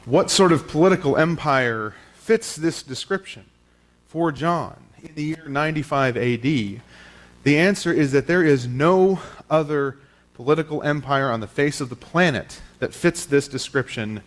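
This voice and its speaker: Male pastor at a pulpit microphone, teaching-style sermon, casual and explanatory. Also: medium pitch. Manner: explanatory, conversational with fillers. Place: church sanctuary.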